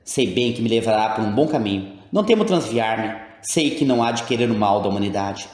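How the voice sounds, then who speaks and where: A man's voice: lowish voice, lively intonation, a little fast, a little mellow, echoey room, natural voice. A man reading the part of a proud, anguished queen, in grand, old-fashioned formal speech. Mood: solemn.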